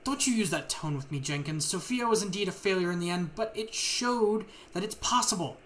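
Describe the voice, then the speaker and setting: Brief: man doing a cold, calculating lady scientist, slow and patronizing, slightly high voice, faint background hiss. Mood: stern. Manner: calm, condescending, slow and deliberate. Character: cold scheming woman scientist experimenting on people.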